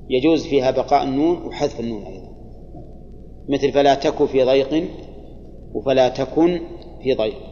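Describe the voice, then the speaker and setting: A man's voice: mid-range voice, dark tone, slight background noise. Man teaching grammar in an echoing hall. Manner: slow, deliberate recitation of examples, quizzing students. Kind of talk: classroom grammar lesson. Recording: dull lo-fi recording in a long-reverb hall.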